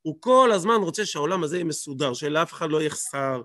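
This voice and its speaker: High-voiced man teaching a Torah lesson. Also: expressive, pushed and bright, no room sound, studio quality. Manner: emphatic, asks rhetorical questions and repeats words for stress.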